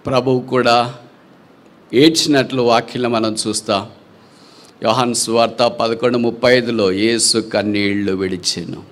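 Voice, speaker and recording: A male preacher delivering a sermon in a mid-pitched voice. He rises into loud, high runs, then drops to a soft, low tone. He fires off rhetorical questions and slips English phrases into his preaching. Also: normal speed. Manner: animated, with big swings between loud high and soft low passages.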